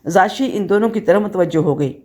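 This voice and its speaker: A woman narrating a romantic novel in a steady, even storytelling manner. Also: mid-range voice. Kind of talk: audiobook novel reading.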